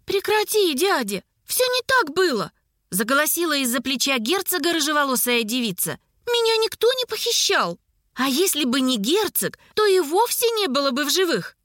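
A woman's voice: sits high, sing-song, normal speed, sharp tone, dry recording, clean studio sound, voice pushed up, full character voice. A woman voicing a feisty young red-haired woman who answers back with defiant retorts. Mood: protesting.

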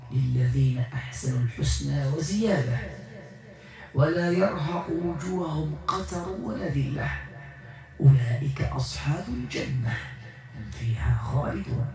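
A man's voice: on the high side, normal speed, gravelly. Emphatic male healer, echoey and distant. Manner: emphatic and repetitive, swinging from loud exhortation to whispers. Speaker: ruqyah healer. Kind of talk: spiritual healing session addressing a patient. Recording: echoey room from off-mic with faint music.

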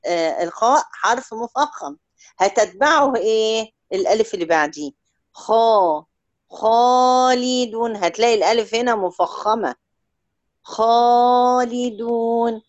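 A woman with an Egyptian Arabic accent teaching Quran recitation one-on-one, stretching example words out slowly and checking in often with short questions. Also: medium pitch, expressive, highs cut off. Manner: drawls out example words slowly to demonstrate sounds. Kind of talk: one-on-one tajweed lesson.

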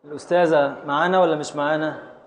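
A man's voice: a little high, fairly even intonation. Egyptian man teaching a poetry meter class. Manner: drills students on meter, slowly spells out syllables. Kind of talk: Arabic prosody class.

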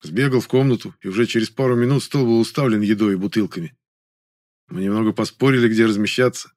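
A man's voice: lowish voice, fast talker, darkish tone. A man reading a first-person audiobook story aloud, with a dry, ironic manner. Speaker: narrator.

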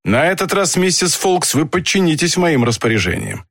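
A man's voice: a little high, very animated, moderate pace, fairly bright tone, no echo, studio quality, heavily acted. A man doing a stern police inspector. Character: middle-aged male police inspector, stern.

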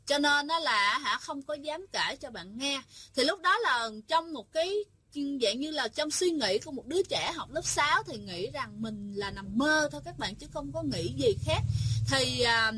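A woman's voice: a little high, sharp tone, breathy edge. A woman, telling a ghost story in a chatty, casual way and speaking directly to her listeners.

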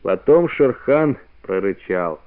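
Slow-reading male storyteller on old radio. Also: lowish voice, no room sound. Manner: calm, unhurried storytelling. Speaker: narrator. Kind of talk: storybook narration. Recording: narrow-band old radio recording.

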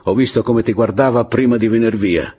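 A man voicing a fierce, bossy middle-aged peasant woman in an audiobook, with a husky voice and a blunt, commanding manner. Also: mid-range voice, fairly quick, dark tone, pitched above the performer's own voice, natural voice. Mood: confiding.

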